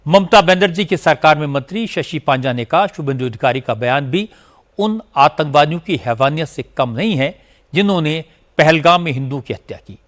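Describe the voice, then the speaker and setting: A man anchoring a news report, narrating crisply and with emphasis. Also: fairly high pitch, lively intonation, moderate pace, fairly bright tone.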